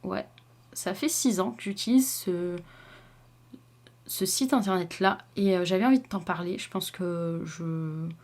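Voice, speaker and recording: A woman's voice: on the low side, a little slow, a little mellow. A young woman chatting casually to camera about her reading, rambling with lots of fillers and self-corrections. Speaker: book vlogger.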